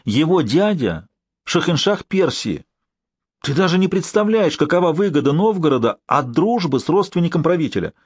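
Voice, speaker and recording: A male narrator voicing a brisk, cheerfully scolding professor and doctor in an audiobook. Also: fairly high pitch, big pitch swings, slightly rough, no room sound, voice pushed up.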